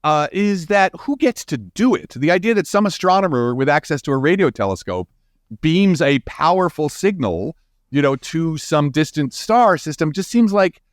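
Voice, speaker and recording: An astrophysicist and author appears as a guest expert in an interview, explaining things casually, emphatically and informally while often checking in with "right?". His fairly high voice has big pitch swings and a moderate pace, recorded as clean studio sound with no room sound.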